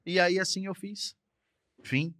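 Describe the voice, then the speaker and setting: A man's voice: sits high, steady tone, slow pace, a bit bright, no echo, studio quality. A man, a truck driver and podcast guest, telling a personal story in a casual, repetitive way, often tagging phrases with short questions. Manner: repetitive, conversational, frequent tag questions. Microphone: podcast studio mic.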